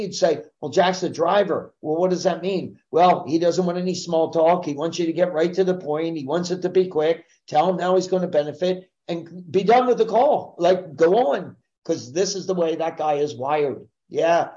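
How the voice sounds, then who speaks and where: A man's voice: a little high, a little mellow, dull audio. A man speaking as a guest in a podcast interview, explaining sales ideas in an assertive, emphatic teaching manner.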